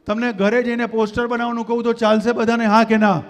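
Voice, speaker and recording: A man's voice: very high-pitched, little pitch movement, quick pace. A man giving a motivational stage talk at a community gathering, rousing the crowd and leading them in call-and-response. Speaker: motivational speaker. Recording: long hall reverb.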